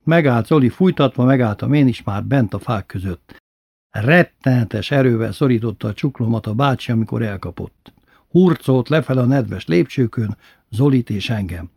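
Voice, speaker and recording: A man reading a personal story aloud with an expressive, animated delivery. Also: mid-range voice, vocal fry, breathy edge, no echo, clean studio sound. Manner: lively, expressive reading with voiced characters.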